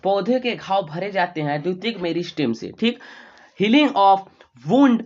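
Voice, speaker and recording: A man teaching a quick exam revision, repeating each question and answer to drill it in. He reads English terms slowly and then explains them in Hindi. The audio is slightly dull and lo-fi. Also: high voice, animated, darkish tone. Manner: rapid, repetitive, keeps asking and answering his own questions. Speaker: online exam tutor. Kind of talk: fast exam revision lecture.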